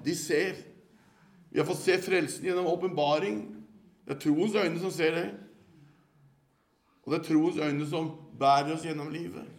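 Older Norwegian man preaching, gravelly voice. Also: a little high, fairly even intonation, long pauses. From Norway. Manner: earnest, storytelling. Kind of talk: sermon.

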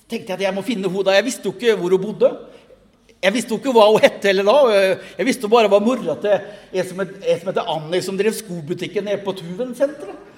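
A fervent man gives a Pentecostal testimony from the pulpit, his voice sitting very high. He swings between shouted hallelujahs and chuckling asides. Long reverb rings around him from the hall. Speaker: preacher.

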